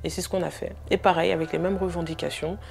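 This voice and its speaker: A woman giving an earnest documentary testimony as a bereaved sister. She speaks hesitantly, with frequent filler pauses. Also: on the low side, steady tone, creaky, soft background music. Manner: earnest, emotionally heavy recounting.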